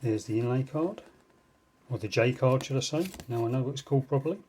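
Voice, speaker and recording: Seated indoors at a tabletop, a man hosts an unboxing video filmed on a phone, offering casual, unscripted commentary with dry, self-deprecating asides. His voice is medium-pitched and brisk, and there's noise in the background.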